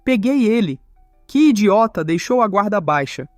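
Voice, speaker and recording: A man's voice: sits high, animated, moderate pace, no echo, soft background music. A man voicing a teasing strong young woman. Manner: teasing, mock-sweet.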